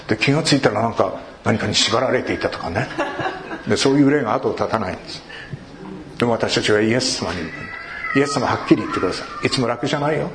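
A man pastor giving an earnest sermon and prayer to a congregation, with warm asides. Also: on the high side, noisy background. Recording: echoey hall, faint room ambience.

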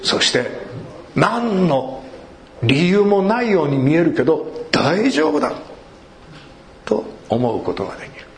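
A man pastor giving an earnest sermon and prayer to a congregation, with warm asides. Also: fairly high pitch, big pitch swings, unhurried, pauses often, slight background noise. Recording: echoey hall, faint room ambience.

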